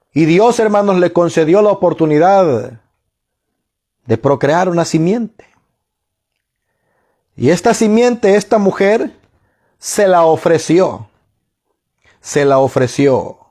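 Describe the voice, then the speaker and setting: A man delivers a sermon in a high-pitched voice. He speaks slowly and with emphasis, stretching his phrases. He poses rhetorical questions to his listeners and answers them himself. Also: a little mellow. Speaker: preacher.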